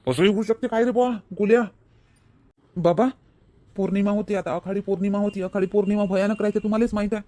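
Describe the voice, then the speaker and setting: A man playing an earnest young village son who talks in an urgent, conspiratorial hush. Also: sits high, steady tone, quick pace, lightly acted.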